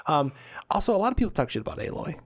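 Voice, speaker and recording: A man's voice: on the high side, very animated, very fast, breathy edge. A man co-hosting a casual gaming podcast, swearing freely and eagerly acting out characters' lines as he talks. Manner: profane, enthusiastic, acts out characters' lines. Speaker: podcast co-host.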